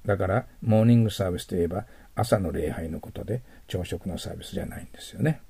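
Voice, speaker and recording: Low gravelly man teaching vocabulary. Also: quick pace, no room sound. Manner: explains words patiently, trailing into soft near-whispers. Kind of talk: recorded vocabulary lesson.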